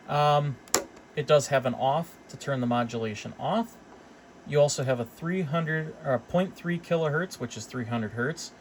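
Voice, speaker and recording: The speaker is a male hobby fixer demonstrating a repair informally. He explains things off the cuff in a stop-and-start way, reasoning through each step aloud. His pitch is average, and a steady noise is plainly heard behind him.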